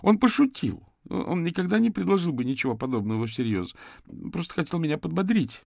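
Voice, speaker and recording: A man's voice: a little high, sing-song, fairly quick, creaky, darkish tone, dry recording, voice pushed up, full character voice. A man voicing a frightened young man under police questioning, stammering, shaky and close to tears. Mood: tearful.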